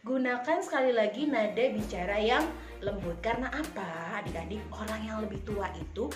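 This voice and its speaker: A woman teacher giving a lesson to children in a lively way, acting out examples. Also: mid-range voice, moderate pace, reverberant, over music.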